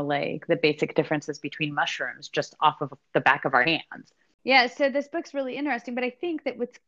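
A woman's voice: fairly low pitch, fairly bright tone. Rambling woman on dull lo-fi audio. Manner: rambling, frequent fillers and laughs. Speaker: podcast co-host. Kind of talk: casual chat. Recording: dull lo-fi sound.

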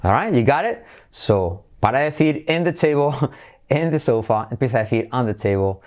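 Male teacher, energetic, bilingual lesson. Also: medium pitch, normal speed. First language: Spanish. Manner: enthusiastic, switches between Spanish and English. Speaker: English teacher.

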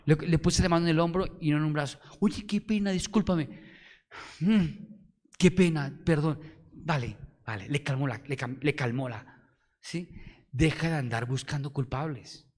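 A middle-aged Colombian pastor preaches with emphatic energy, throwing question after question at his church. His voice sits a little high for a man, and a long reverb from the hall trails behind every phrase. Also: moderate pace. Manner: animated, emphatic, full of rhetorical questions to the congregation. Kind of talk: sermon.

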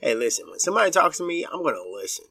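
A man in his forties giving his opinions in a casual podcast chat, halting with many fillers and restarts. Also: on the high side, big pitch swings, pushed and bright, distant mic. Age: 40s. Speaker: podcast guest.

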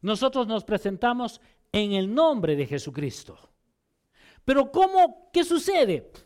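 A man's voice: extremely high pitch, sing-song, unhurried, darkish tone, clean tone. A man preaching a sermon, who often restarts and repeats words as he explains and asks his listeners rhetorical questions.

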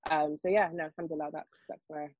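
A young woman on a discussion panel talks fast in long runs full of ums and sort-ofs. Her pitch barely moves. The sound is dry and slightly muffled, with no room around it. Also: fairly even intonation, a little mellow, no room sound. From Nigerian heritage, raised in the UK. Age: young adult. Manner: fast, hesitant, lots of fillers and restarts. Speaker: panel guest, children's author.

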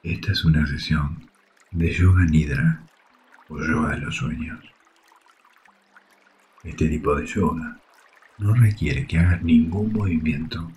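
Very deep, slow man guiding sleep meditation. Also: slight background noise. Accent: Rioplatense Spanish. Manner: soft, soothing, hushed delivery with long pauses. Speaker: yoga nidra guide. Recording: faint water ambience behind voice. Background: trickling water sounds.

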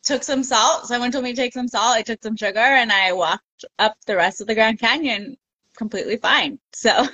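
A woman guest on a podcast, chatting casually and telling animated stories, acting out quotes from others. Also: fairly high pitch, moderate pace, no echo, rough recording. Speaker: podcast guest, ultra runner. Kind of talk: casual interview chat.

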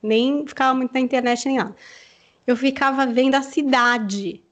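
A Brazilian woman co-hosting a relationship podcast, chatting in a lively way with laughs and personal anecdotes. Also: high-pitched, moderate pace, dull audio. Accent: Brazilian Portuguese. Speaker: presenter co-host. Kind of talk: podcast conversation.

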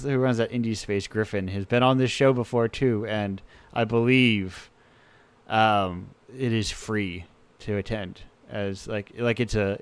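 A man's voice: lowish voice, smooth, no room sound. A man hosting a radio show, talking in an enthusiastic, rambling way with many restarts. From United States. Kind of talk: casual chat.

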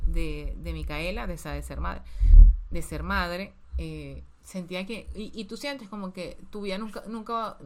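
A woman's voice: on the low side, slight background noise. A woman speaking candidly and emotionally about being a mother, repeating words for emphasis. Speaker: podcast co-host, mother of a toddler. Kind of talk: candid casual chat.

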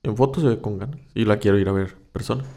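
A young man talks casually with friends, tossing slang into every sentence. His voice sits on the lower side. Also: fast talker. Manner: slangy, relaxed, peppered with güey. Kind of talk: casual chat among friends.

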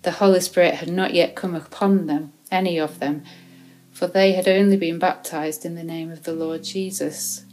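A woman reads a chapter of the Bible aloud at a steady, measured pace, sometimes correcting a word as she goes. Her voice sits on the low side. Soft music plays faintly beneath her. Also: low-quality recording. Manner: measured, even reading with small self-corrections. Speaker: scripture reader.

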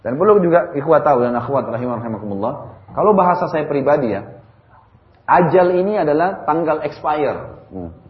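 A man preaching a sermon in an animated way, asking his listeners question after question. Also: a little high, brisk. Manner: animated, with many rhetorical questions. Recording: roomy, dull lo-fi sound.

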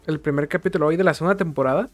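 A man's voice: on the high side, racing. A man chatting casually on a podcast, giving wry, sarcastic commentary. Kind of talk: casual chat.

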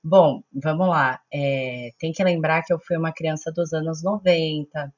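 Casting: woman, Brazilian Portuguese accent, deep register, informal podcast storyteller, slightly muffled sound. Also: steady tone, measured pace. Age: 30s. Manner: chatty, informal, self-mocking.

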